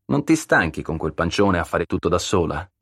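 A man's voice: low voice, very animated, normal speed, creaky, a bit bright, slightly rough, exaggerated voice. A man doing a nervous, falsely cheery postman. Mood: nervous friendly. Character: nervous small wet postman, friendly.

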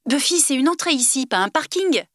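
A woman reading aloud, voicing a joking teenage boy from a novel who is easily teased, with lively exclamations. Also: mid-range voice, quick pace, no echo, clean studio sound, lightly acted. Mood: excited.

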